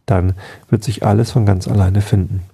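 A crafty old witch who soothes with gentle words, read by a man. Her voice is low, mellow and husky. It is a storybook voice. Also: fairly even intonation, normal speed. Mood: soothing. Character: calm, cunning old witch woman.

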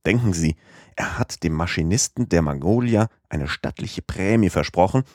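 A talkative, excitable young French manservant, as a man puts him on, lifted a little higher than a plain reading voice. He chatters eagerly and proudly in a dry, close storybook reading. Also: moderate pace, dry recording. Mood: chatty.

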